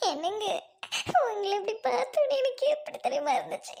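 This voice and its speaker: A woman's voice: extremely high pitch, sing-song, fairly quick, gravelly, a little mellow, full character voice. A woman playing a young village wife who cries and pleads for forgiveness. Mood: tearful, relieved. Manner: sobbing, pleading apologies. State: crying.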